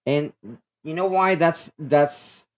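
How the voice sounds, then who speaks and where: A man's voice: on the high side, fairly even intonation, slow. An older man, co-hosting a casual livestream chat, emphatic and blunt, often restarting and repeating his point. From Philippines. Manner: emphatic, repeats himself, blunt with mild swearing. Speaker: co-host.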